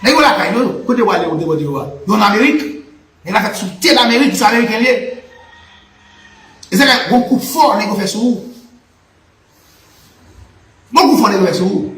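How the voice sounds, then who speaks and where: A Haitian channel host with a Haitian Creole accent speaks in a high, fairly bright voice on a rough, reverberant recording. His live talk on politics and history has a fervent, repetitive, preaching cadence.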